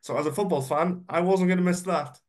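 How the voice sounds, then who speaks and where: Here a guest speaker in his 30s has a high-pitched, slightly mellow voice and speaks fairly quickly. His talk about himself is chatty and self-deprecating, heavy on ums and uhs, and his cold leaves him congested and a little nasal.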